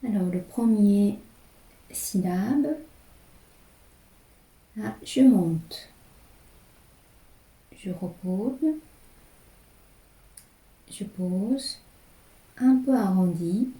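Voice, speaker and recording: Woman slowly walking thru brush strokes, soft mellow voice, echoey room. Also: mid-range voice. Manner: slow, calm, describing each stroke as she writes. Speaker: calligraphy teacher. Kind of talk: step-by-step brush lesson.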